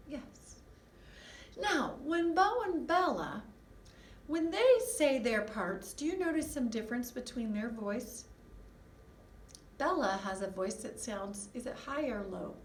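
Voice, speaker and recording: High, lively woman teaching children. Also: echoey room, far from the mic, slight background noise. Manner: animated, sing-song, talks to children with puppets. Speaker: music teacher. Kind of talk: online lesson for first graders.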